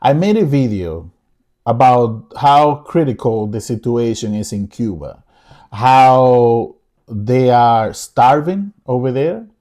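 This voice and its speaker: A man's voice: mid-range voice, expressive, takes it slowly, mellow. A man from the Republic, talking casually to his viewers as a channel host, earnest and repeating phrases for emphasis. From Dominican Republic. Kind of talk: casual talk to camera.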